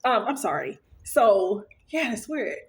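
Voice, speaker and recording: Woman vlogger, mid-pitched, casual and rambling storyteller, earnest. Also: big pitch swings, takes it slowly. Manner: rambling, with many fillers and restarts. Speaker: vlogger sharing her dreams.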